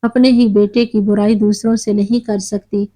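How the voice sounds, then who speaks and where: A woman voicing a patient, long-suffering elderly mother who speaks softly. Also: medium pitch, level tone, lightly acted, poor audio. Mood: sad.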